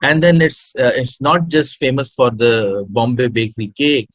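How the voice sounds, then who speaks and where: A man's voice: medium pitch, lively intonation, moderate pace, dry recording. A man with a Pakistani accent answering in an interview, hesitant and switching between two languages as he explains. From Pakistan, born in Hyderabad, grew up in Karachi. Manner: hesitant, code-switches between English and Urdu. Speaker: interview guest, startup incubator project director.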